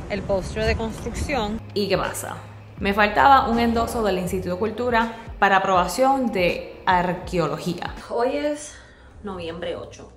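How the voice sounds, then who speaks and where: A woman in her thirties from Puerto Rico with a Puerto Rican accent, talking frankly and animatedly to camera in a casual vlog, mixing in English and swearing. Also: mid-range voice. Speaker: vlogger. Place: open-plan office, indoors. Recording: roomy office echo, faint room noise.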